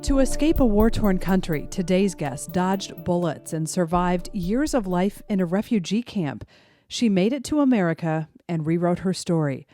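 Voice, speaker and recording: A woman's voice: fairly low pitch, lively intonation, moderate pace, mellow, soft background music. A woman hosting a podcast, introducing her guest and asking questions in a conversational, inquisitive way. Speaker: host. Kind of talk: podcast interview.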